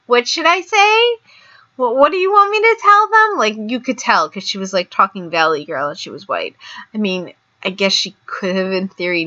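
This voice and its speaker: A woman giving casual political commentary with sarcastic outbursts, slow rambling asides and many fillers like "um" and "like". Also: lowish voice, sharp tone, lo-fi sound. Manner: frequent "like" and "um" fillers.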